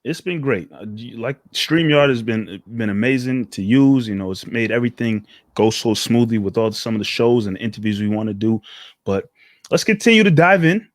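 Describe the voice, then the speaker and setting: A man co-hosts a casual interview over a video call, sounding upbeat and encouraging. His voice sits at a middle pitch, and the recording sounds dry and close. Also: expressive, normal speed, dry recording. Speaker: podcast co-host.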